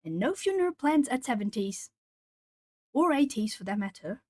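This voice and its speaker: A Brazilian art streamer, a native Portuguese speaker with a southern Brazilian accent, chats casually with viewers while colouring, reading their comments aloud and pausing to think. Her voice is a little high and sing-song, captured in clean studio sound with no room ambience.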